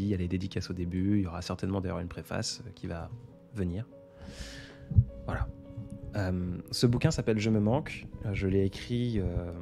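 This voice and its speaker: A man talking casually and reflectively on a live stream, unhurried and often pausing with hesitations. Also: sits low, creaky. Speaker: poet and author on a live stream. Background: faint background music.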